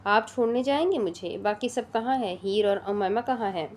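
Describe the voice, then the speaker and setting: A woman's voice: medium pitch, natural voice. A woman doing an innocent, stammering young girl. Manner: hesitant, stammering, sniffling. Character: innocent naive young woman, tearful and pouting.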